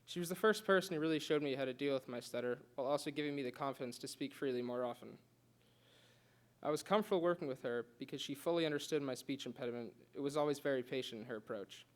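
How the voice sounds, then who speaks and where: An earnest young man reads his prepared class speech at a quick pace and medium pitch, sometimes stumbling into stutters and restarts.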